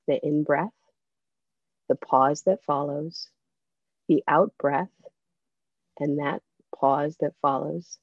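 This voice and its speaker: A woman leading a guided breathing meditation over a video call, speaking softly with gentle invitations. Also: deep voice, no room sound. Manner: slow, soft-spoken, gentle invitations. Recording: dull lo-fi video call audio.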